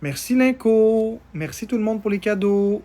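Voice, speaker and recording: A man's voice: high voice, lively intonation, normal speed, dark tone. A man, tired, chatting casually on a live stream as he answers viewer comments and thanks people for gifts.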